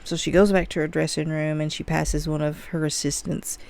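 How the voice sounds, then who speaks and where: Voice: medium pitch, level tone, brisk, gravelly, a little mellow. A movie reviewer giving a casual, chatty spoiler recap of a film, full of "like" and "you know".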